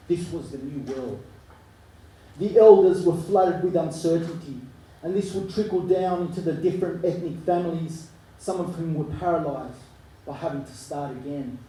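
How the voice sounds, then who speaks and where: A man, performing spoken word poetry live with a rhythmic, rhyming delivery that swings between hushed and forceful. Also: a little high. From Chile. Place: live arts venue. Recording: echoey room, mic from far off.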